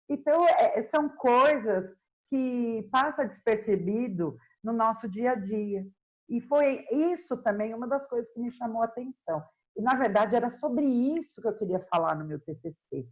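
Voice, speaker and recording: Slow, earnest middle-aged woman. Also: a little high, highs cut off. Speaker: historian guest. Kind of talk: casual interview chat.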